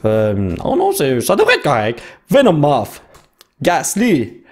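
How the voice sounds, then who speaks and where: A young man with a Quebec French accent who chats excitedly and casually while hosting a card-opening video. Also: fairly high pitch, takes it slowly. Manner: excitable, chatty, slangy. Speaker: host.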